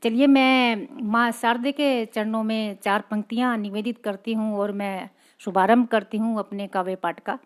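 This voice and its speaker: A woman's voice: fairly high pitch, steady tone, normal speed, clear, resonant tone. A woman poet hosting her own live reading, greeting viewers one by one and reading out their comments in a polite, respectful manner.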